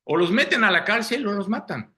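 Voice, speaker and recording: A man's voice: high-pitched, expressive, a little fast, sharp tone. A man preaching a Sunday sermon, often checking in with the congregation with rhetorical questions. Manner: asks listeners rhetorical questions, frequent "¿sí?".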